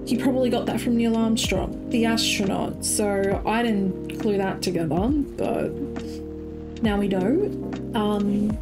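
Woman streamer just chatting to chat, slow easygoing talk, loud game music behind. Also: medium pitch. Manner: chatty and affectionate with viewers. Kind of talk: casual live-stream chat. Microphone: desk mic.

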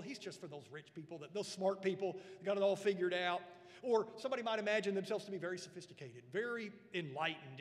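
A male pastor preaching a sermon in a church sanctuary, earnest and emphatic, often repeating words as he builds a point. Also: high voice. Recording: long church hall reverb.

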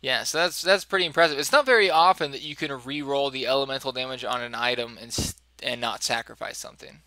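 A man co-hosting a podcast, chatting casually about listener-sent game items in a relaxed way. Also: medium pitch, fast talker, dry recording. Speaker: podcast co-host. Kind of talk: casual gaming chat.

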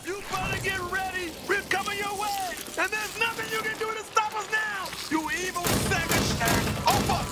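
Cocky talking alien gun. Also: male voice, very high-pitched, unhurried, background noise. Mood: hyped. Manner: boastful, foul-mouthed, excitable. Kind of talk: video game voice acting. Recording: game audio under music.

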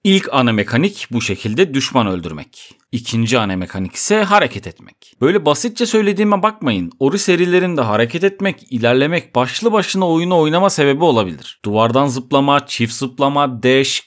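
A man's voice: medium pitch, animated, brisk, hardly any pauses. A man with a Turkish accent narrates a video game review from a script. His delivery stays casual, with slangy asides breaking into the prepared text. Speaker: gaming video host.

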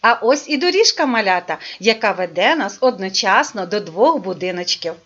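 A woman teaching a speech therapy lesson to young children, talking in a drawn-out, sing-song way. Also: mid-range voice, very animated, fairly bright tone. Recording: dull lo-fi recording.

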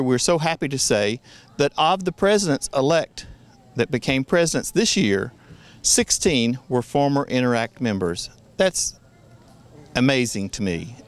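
A smooth, mid-range male voice belongs to a district governor in his sixties. Holding a mic near his chin in a wooded forest, he delivers a prepared address to club members, earnest and measured, with small restarts.

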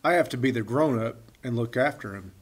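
A man voicing a bossy twelve-year-old big brother, lively and teasing, in a storybook reading. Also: mid-range voice, a little fast, slightly rough, natural voice.

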